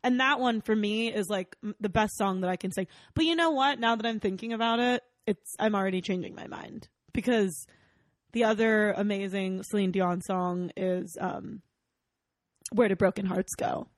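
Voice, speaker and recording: A woman's voice: medium pitch, moderate pace, no echo. A woman co-hosting a loose comedy podcast, giggly and playful, laughing often as she chats. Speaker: podcast co-host.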